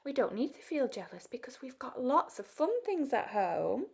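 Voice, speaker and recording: A woman, leading a gentle storytime lesson for young children, coaxing and asking them questions, sometimes dropping to a soft whisper. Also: sits high, big pitch swings, moderate pace, gravelly, husky. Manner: sing-song, coaxing, asks children questions; drops to soft whispers at times.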